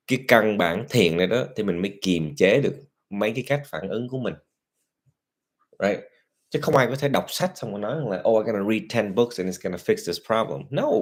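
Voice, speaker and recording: Low-voiced monk counseling a couple. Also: male voice. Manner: earnest, lecturing, with rhetorical questions. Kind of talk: counseling session, mixing Vietnamese and English.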